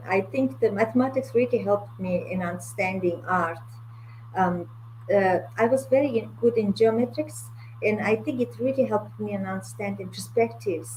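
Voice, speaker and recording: A woman's voice: medium pitch, darkish tone, low-quality recording. A woman with a Mongolian accent speaking English as a second language, hesitant and searching for words as a guest in an online talk. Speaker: guest, art curator. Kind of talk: online talk about own work. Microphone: video call. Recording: video call with faint noise and hum.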